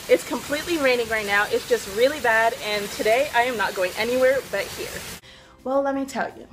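A young woman talking casually to the camera in a vlog, chatty and rambling with fillers. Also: mid-range voice. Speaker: vlogger.

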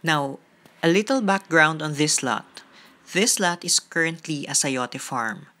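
Low-voiced woman vlogging from a farm. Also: expressive, a little slow, fairly bright tone. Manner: friendly, explanatory. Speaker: gardening vlogger. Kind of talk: casual vlog narration.

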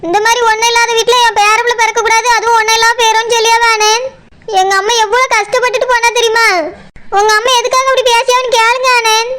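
A woman's voice: very high voice, little pitch movement, fast talker, pushed and bright. A woman voicing an upset, stubborn pregnant young village wife in a cartoon, speaking with a Tirunelveli Tamil accent and complaining insistently. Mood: aggrieved. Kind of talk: cartoon comedy dialogue.

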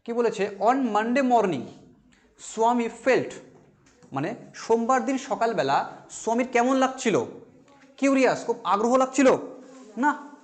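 A male teacher with a Bengali accent, leading an exam-prep class. He reads English lines slowly, then explains them and answers his own questions. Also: very high voice, animated. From West Bengal, India.

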